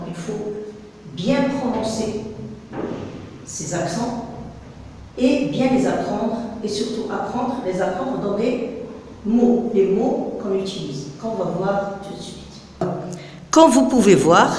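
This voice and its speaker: A woman teaching a French lesson in a classroom, explaining slowly and carefully and often checking "d'accord?". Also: fairly high pitch. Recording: echoey classroom with long reverb.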